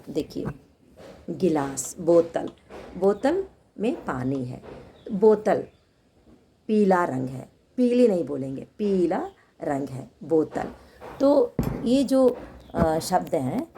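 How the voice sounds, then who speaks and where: A woman teacher giving a lesson to children, explaining slowly, repeating words and mixing in simple English. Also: on the low side, dark tone, slight background noise.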